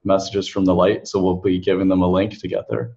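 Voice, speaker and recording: A man co-hosting a casual interview, polite and measured as he wraps things up. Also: deep voice, completely flat delivery, dark tone. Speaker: co-host. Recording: dull lo-fi audio.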